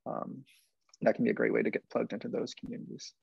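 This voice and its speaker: A young man answering questions as a panelist on a video call, talking quickly with many fillers. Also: mid-range voice, monotone, gravelly, husky, no echo. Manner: fast, filler-heavy, earnest. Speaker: panelist, science advocacy organizer. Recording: dry, dull video-call audio.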